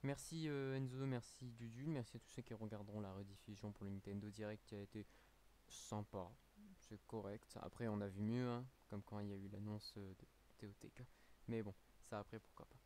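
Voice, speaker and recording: Tired French streamer chatting casually. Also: male voice, fairly low pitch, steady tone, fairly quick, warm tone, a little hiss or hum. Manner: rambling, many fillers and restarts. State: a little tired. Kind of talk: casual live-stream chat.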